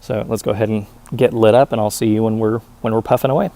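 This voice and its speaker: A man talking casually to viewers as a reviewer, explaining methodically with hesitant pauses. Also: fairly low pitch, steady tone, gravelly, mellow. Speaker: pipe tobacco reviewer.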